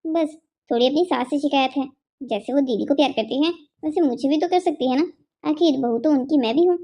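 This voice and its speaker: A woman's voice: high-pitched, a little fast, dark tone. [name], a woman voicing a stubborn young bride. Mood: complaining. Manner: defiant, careless. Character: young carefree younger daughter-in-law, stubborn.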